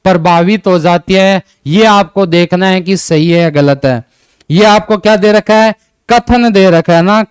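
A man's voice: high-pitched, clear, resonant tone, no echo, studio quality. A man teaching an exam-prep lesson with an Indian accent, asking and answering his own questions and repeating each point in English.

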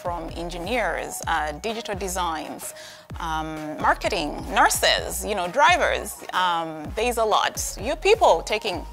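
A woman's voice: fairly low pitch, big pitch swings, slow. A woman speaking enthusiastically about her employer in a studio interview testimonial. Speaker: employee in a recruitment video. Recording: background music.

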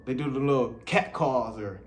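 A man's voice: mid-range voice, normal speed. Blunt man giving dating advice. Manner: blunt, repetitive, street slang. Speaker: dating commentator. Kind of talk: casual advice monologue.

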